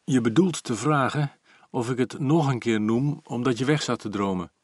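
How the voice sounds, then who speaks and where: A man's voice: mid-range voice, normal speed, husky, no room sound, clean studio sound, close to an everyday voice. A man voicing a jovial, blunt older male notary who talks in a hearty, slightly teasing way.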